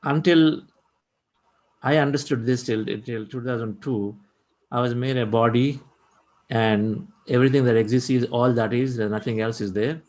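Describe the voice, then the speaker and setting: A middle-aged man hosts an online meditation session, his voice at an ordinary pitch. He speaks reflectively and encouragingly, circling back on his phrases as he goes. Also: steady tone, normal speed, darkish tone, low-quality recording. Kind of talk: spiritual talk and hosting.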